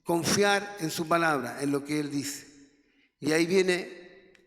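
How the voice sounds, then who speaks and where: A man's voice: a little high, takes it slowly, fairly bright tone. A man teaching a Bible lesson in church, reading verses aloud with small stumbles and checking in with rhetorical questions. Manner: reads scripture aloud with stumbles, asks the class rhetorical questions. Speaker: Sunday school teacher. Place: church hall. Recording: long hall reverb.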